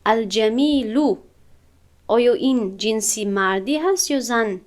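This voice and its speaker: A woman's voice: medium pitch, smooth. A woman teaching Arabic grammar in a classroom, explaining step by step and asking her students questions. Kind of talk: classroom lesson.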